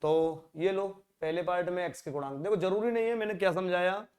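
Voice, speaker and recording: A man teaching exam-prep maths in a conversational way, asking rhetorical questions and dropping to a low mutter while he works through sums. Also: fairly even intonation, fairly quick.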